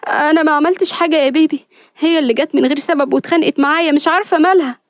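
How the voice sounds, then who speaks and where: A woman's voice: a little high, very fast, no echo, clean studio sound, natural voice. A woman voicing a scheming young woman who sounds falsely sweet and coy. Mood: sly.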